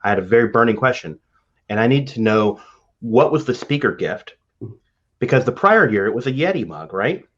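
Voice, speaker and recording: A man's voice: medium pitch, big pitch swings, normal speed, a bit bright, husky. A man co-hosting a talk show, rambling in a wry, self-deprecating way over a video call. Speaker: podcast co-host. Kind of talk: casual chat. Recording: dull lo-fi call audio.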